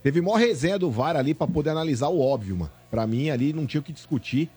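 A man's voice: on the high side, animated, quick pace, darkish tone, slightly rough. A man with a Brazilian accent chatting casually about sport in a slangy, opinionated way. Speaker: sports show panelist.

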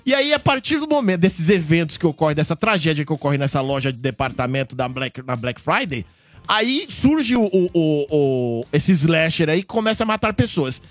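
A man's voice: a little high, big pitch swings, normal speed, no room sound. Playful rambling radio man. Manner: rambling, playful, repeats words for laughs. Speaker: film commentator on a radio show. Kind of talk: casual radio banter, recapping a film. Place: radio studio.

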